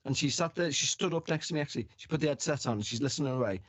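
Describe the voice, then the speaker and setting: A man's voice: on the high side, lively intonation, racing, fairly bright tone, no room sound. A man telling anecdotes in casual chat, acting out the quotes and swearing casually. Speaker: podcast guest or host.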